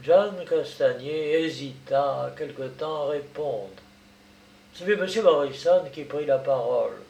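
A man reading a novel aloud in a slow, measured storytelling voice. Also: fairly high pitch, vocal fry, mellow. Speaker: audiobook narrator. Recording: roomy, distant mic.

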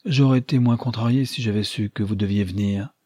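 A man's voice: fairly low pitch, a little fast, a little mellow, husky, dry recording, clean studio sound. A man voicing a chatty, flustered young woman who gushes giddily in an audiobook. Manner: gushing and giddy. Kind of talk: audiobook character voice.

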